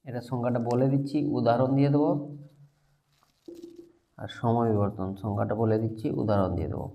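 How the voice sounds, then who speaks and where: A male teacher giving a lecture, dictating slowly, repeating key points and often checking whether students have understood. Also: medium pitch, dark tone. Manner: repeats key points, keeps asking if it is clear; dictates slowly for note-taking. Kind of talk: classroom lecture on logic.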